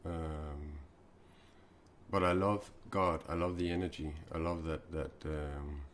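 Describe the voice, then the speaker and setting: A Danish man in his forties hosting a spiritual live stream, talking haltingly with many fillers and restarts. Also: rumbling low, fairly even intonation, a little hiss or hum. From Denmark.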